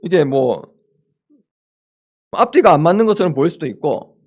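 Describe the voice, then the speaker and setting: Lively, high-voiced male preacher. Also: normal speed. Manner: animated, acts out the disciples' questions in lively voices; jokes with the audience. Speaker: campus ministry speaker. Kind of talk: chapel sermon. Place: chapel room with a live audience.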